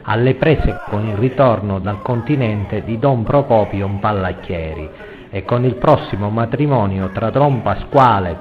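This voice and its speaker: A man reading a scripted theatre review as the narrator of a report. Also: fairly low pitch. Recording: muffled, loud music behind voice. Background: music.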